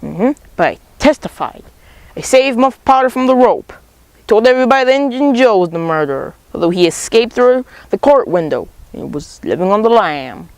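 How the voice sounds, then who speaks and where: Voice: mid-range voice, animated, moderate pace, no echo, natural voice, low-quality recording. Student playing a boastful boy adventurer, proud storyteller, school character play, dry close sound. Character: boy Tom Sawyer, bold storyteller.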